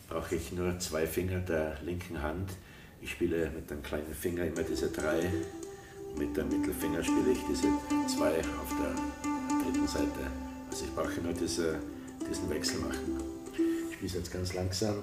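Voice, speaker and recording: An older man from Tyrol giving a calm step-by-step ukulele lesson, counting in and explaining slowly. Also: low voice. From Tyrol, Austria. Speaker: ukulele teacher. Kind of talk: relaxed step-by-step music lesson. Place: wood-paneled room indoors. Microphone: camera mic at a distance. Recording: echoey room, voice from far off. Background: ukulele playing.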